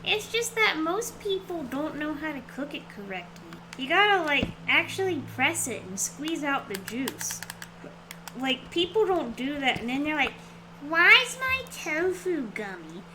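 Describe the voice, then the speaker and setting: Woman, cute anime streamer, unhurried pace, casual rambling game commentary, playful, noisy recording. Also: high-pitched, very animated. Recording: clearly noisy background.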